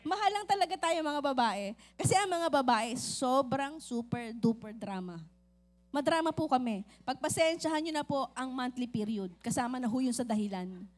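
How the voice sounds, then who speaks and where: A woman pastor preaching a lively, joking sermon that mixes in English phrases and acts out the voices in her stories. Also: sits high, moderate pace.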